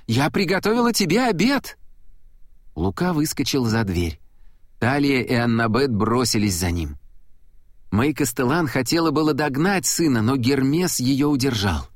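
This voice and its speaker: A man narrating an audiobook in a steady, measured reading voice. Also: mid-range voice, dry recording, clean studio sound.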